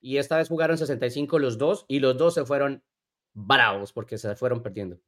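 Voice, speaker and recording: A man's voice: mid-range voice, fairly quick, fairly bright tone, slight background noise. A man co-hosting a casual sports talk, chiming in with short agreements and corrections. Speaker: co-host.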